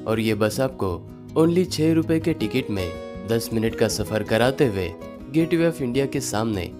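A man narrates a travel guide in a steady, informative voice-over, his tone sitting at a middle pitch. Plucked guitar music plays clearly beneath him the whole time. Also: unhurried. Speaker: travel vlogger.

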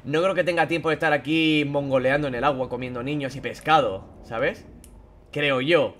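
A man's voice: fairly high pitch, fairly even intonation, normal speed, a bit bright. A young man from Spain with a Spain Spanish accent, commentating a horror game as he plays it. He swears and yelps at the scares, then drops to mutters between them. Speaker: gaming YouTuber.

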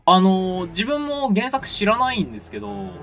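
A man hosts casual gameplay commentary, his relaxed, chatty voice slightly high with a lively, shifting pitch. Game music plays faintly underneath. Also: normal speed. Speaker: game video host.

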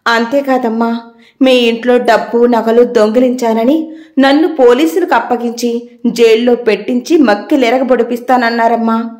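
A woman's voice: on the high side, steady tone, normal speed, darkish tone, echoey room, close to an everyday voice. A woman voicing a timid, devoted young servant girl who speaks deferentially. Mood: pleading. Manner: pleading, deferential.

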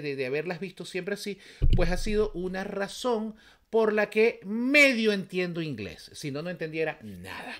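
A man's voice: fairly high pitch, a bit bright. A man from Venezuela with a Venezuelan accent, giving casual, emphatic reaction commentary as a vlogger, full of rhetorical questions.

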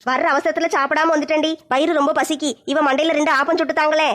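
A woman's voice: high-pitched, fairly even intonation, quick pace, a bit bright. A woman acting a village comedy sketch in a brash, mocking way. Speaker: comic sketch performer.

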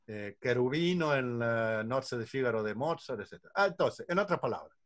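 An older man, a singing teacher, patiently explaining voice ranges in an online lesson from a room at home over a video call. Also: on the high side. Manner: patient, explanatory, illustrates with counting and examples.

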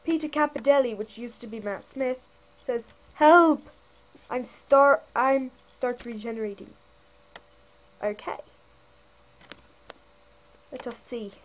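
High-voiced young woman reading comments. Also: measured pace, long pauses, slight background noise, low-quality recording. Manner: chatty, giggly, reads comments aloud and answers them. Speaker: channel host. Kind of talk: casual comment-reading vlog.

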